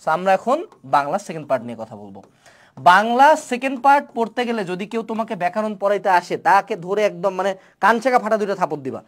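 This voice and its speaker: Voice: medium pitch, sing-song, fast talker. A young online tutor giving a playful webinar lecture. The tutor asks many rhetorical questions and mixes English words into the talk.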